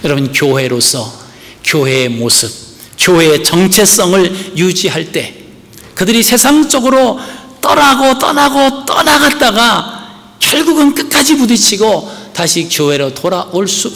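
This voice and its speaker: In a church sanctuary, a male pastor earnestly preaches a sermon, asking the congregation rhetorical questions. His voice sits high, creaky and a bit bright, with long church-hall reverb.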